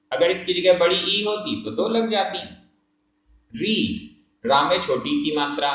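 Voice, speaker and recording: A man giving a spoken language tutorial, patient and methodical, slowly counting out syllables one by one. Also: fairly high pitch, a bit bright. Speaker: Prakrit language teacher. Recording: echoey room, slightly dull sound.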